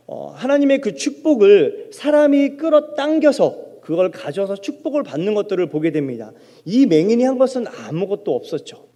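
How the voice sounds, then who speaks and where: A man preaching a sermon as pastor, asking the congregation questions and acting out loud cries for help. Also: high-pitched. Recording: long hall reverb.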